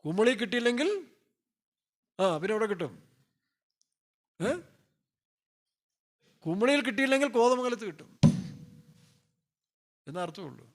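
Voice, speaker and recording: A man's voice: very high-pitched, lively intonation, unhurried, long pauses. A male pastor preaching a sermon in a loose, joking way, firing off rhetorical questions and playfully acting out scripture characters.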